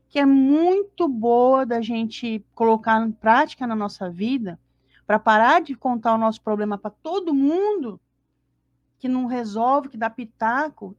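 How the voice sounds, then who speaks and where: Brazilian lady chatting about prayer, kinda high voice, dull dry lo-fi sound. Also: dry recording. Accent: Brazilian Portuguese. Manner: animated, acts out little scenes with laughter. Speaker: co-host of a spiritist study. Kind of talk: casual religious study talk.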